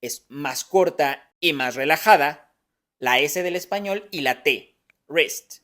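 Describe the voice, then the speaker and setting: A man's voice: on the high side, slow pace, fairly bright tone. A man teaching English pronunciation in a phonetics lesson, patiently explaining each sound step by step.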